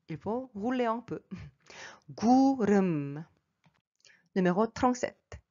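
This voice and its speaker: A woman gives a vocabulary lesson at an unhurried pace, explaining each sound patiently and saying every word several times. Her voice sits in a middle register, and the recording sounds a little dull and lo-fi. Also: medium pitch. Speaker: language teacher.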